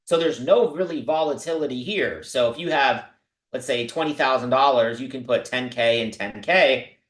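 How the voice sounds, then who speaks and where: Male stream host, excitable and chatty, mid-pitched, room echo on the voice. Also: moderate pace. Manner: excitable, talks to viewers directly with many asides. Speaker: crypto livestream host. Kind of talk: casual livestream talk about investing.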